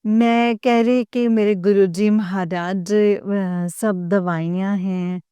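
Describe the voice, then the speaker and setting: Slow, halting middle-aged woman giving a devotional talk. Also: mid-range voice, steady tone, dark tone, clean tone, no echo. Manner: slow, halting, with many pauses and fillers; earnest, keeps addressing the listeners. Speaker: devotee sharing experiences with followers.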